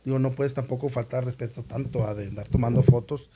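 A man tells a story in casual chat. His voice is husky and mellow. He acts out the people he quotes with lively shifts in his voice. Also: mid-range voice, quick pace. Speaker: former newspaper reporter, podcast guest.

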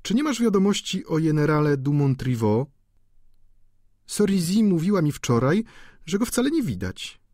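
A man voicing a sly, spiteful high-society duchess in an audiobook, with sweetly malicious delivery. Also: sing-song, moderate pace, a little mellow, no echo, studio quality.

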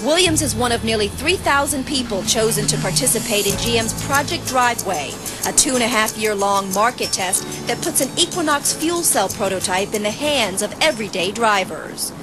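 A woman TV reporter reading a scripted news feature voice-over in a polished, even delivery. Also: on the high side, normal speed, hardly any pauses. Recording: voice-over with music bed.

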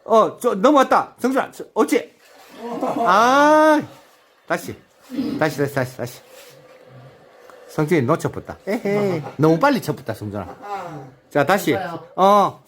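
High, lively man cheering players on. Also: measured pace, long pauses, crowd noise. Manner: encouraging, repeating short instructions, frequent laughter and exclamations. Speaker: activity instructor. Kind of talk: live coaching and cheering during a video game.

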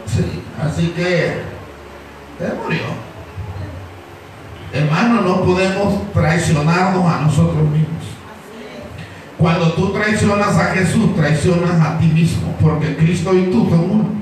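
A pastor preaching through a lively story, acting out voices and breaking into shouts. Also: male voice, high-pitched, a little slow, long pauses. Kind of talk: storytelling sermon. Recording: echoey hall, distant mic, faint noise.

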